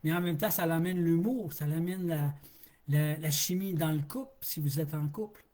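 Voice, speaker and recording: A man's voice: on the high side, moderate pace, a little mellow, a little hiss or hum. A middle-aged man with a Québécois French accent, preaching a folksy, informal sermon as a street pastor who laughs easily and repeats words for emphasis. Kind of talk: informal sermon on a live stream.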